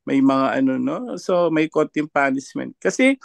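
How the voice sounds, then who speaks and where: A man's voice: medium pitch, normal speed, vocal fry, no room sound. A man commenting as a panelist in an online discussion, mocking and laughing often between his points.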